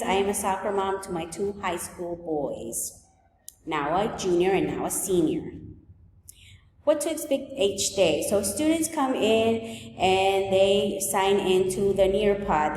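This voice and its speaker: A woman in her forties from El Salvador, a high school teacher, walking through her class rules and agenda in a clear, list-like way. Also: a little mellow, a little hiss or hum. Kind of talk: recorded open house presentation. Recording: echoey room, long reverb.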